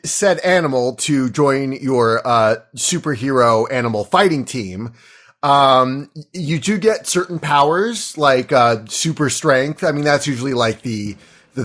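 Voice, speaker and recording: A man in his thirties hosts a loose comedy podcast, making up the rules of a silly question game as he goes. His voice sits a little high for a man. He rambles, trips over his own facts and keeps stopping to apologize and correct himself. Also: fairly bright tone. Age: 30s. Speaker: host running the question game. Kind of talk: casual comedy podcast chat.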